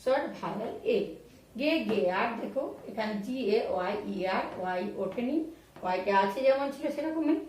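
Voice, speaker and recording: A woman teaching English grammar in Bengali, spelling out words letter by letter and repeating examples slowly. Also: a little high, animated, darkish tone, far from the mic. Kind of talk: explaining grammar rules to students. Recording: very echoey room, voice off-mic.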